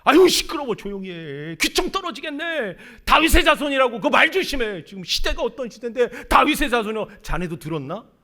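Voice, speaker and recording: A male pastor voicing excited, bickering villagers in a crowd in rough everyday speech. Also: medium pitch, moderate pace, few pauses, voice pushed down, lightly acted. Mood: scolding. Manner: excited, bickering colloquial chatter. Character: gossiping, scolding villagers in a crowd.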